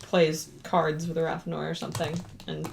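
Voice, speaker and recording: A woman's voice: low voice, monotone, normal speed, gravelly, background noise. A woman talking casually as a player in a tabletop role-playing game.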